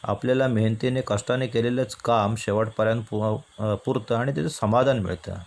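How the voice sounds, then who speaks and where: A man's voice: mid-range voice, fairly even intonation. Man teaching a poem. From India. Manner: explains slowly, asks and answers his own questions; recites verses in a slow chant. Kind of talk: Marathi poetry lesson.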